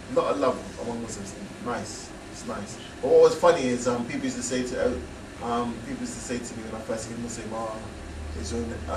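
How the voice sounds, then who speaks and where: A man telling his own story in a frank, rambling way with laughing asides. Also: medium pitch. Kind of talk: casual storytelling talk. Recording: echoey hall, distant mic, noisy.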